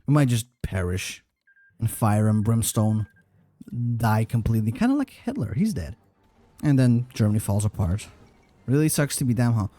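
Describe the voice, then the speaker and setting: A man's voice: fairly low pitch, lively intonation, normal speed, mellow, no room sound. A man giving casual, rambling gameplay commentary, swearing offhandedly and laughing at his own mistakes. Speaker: gaming YouTuber.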